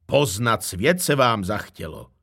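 A gentle old mist spirit from a children's storybook, read by a man, guarding the mountains with a soft, wise voice. He sounds kindly and unhurried, with a slightly husky edge and a lively rise and fall. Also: fairly low pitch, full character voice.

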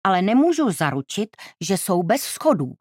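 A woman's voice: medium pitch, sing-song, a little mellow, no echo, clean studio sound, pitched above the performer's own voice. A woman doing a polite, elegant travel agent. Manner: polite, businesslike.

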